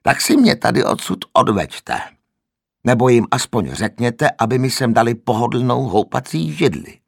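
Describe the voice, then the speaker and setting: A man's voice: medium pitch, animated, creaky, dry recording, clean studio sound, voice pushed up. A man voicing a grumpy, wheezing old man with a cracked, aged voice who complains peevishly.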